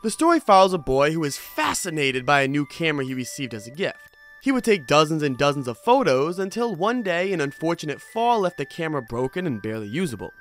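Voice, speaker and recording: A horror video review channel host delivers scripted commentary as informal storytelling, with casual asides thrown in. His voice is fairly high and fairly bright, swinging widely in pitch at a quick pace with few pauses, over soft background music.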